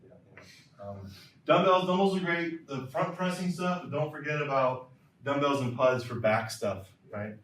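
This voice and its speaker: A man's voice: a little high, animated, normal speed, fairly bright tone, distant mic, a little hiss or hum. A man coaching throwers in a clinic lecture, emphatic and repeating key points, in a lecture hall. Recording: roomy lecture hall from afar.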